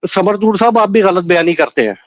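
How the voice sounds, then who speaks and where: A man's voice: high-pitched, expressive, brisk, no room sound. A man joining a political panel remotely, combative and mixing English phrases into his speech.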